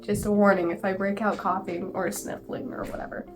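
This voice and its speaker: With music behind her, a stuffed-up, sick woman talks books on her vlog from a small home library. Her medium-pitched voice barely moves in pitch and runs slightly fast, and her casual chatter is thick with "like."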